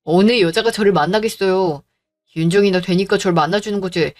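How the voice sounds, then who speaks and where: A woman doing a soft-spoken young fiancé. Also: medium pitch, a little fast, close to an everyday voice. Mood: upset. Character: gentle devoted young man, the fiancé. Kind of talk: storybook drama reading.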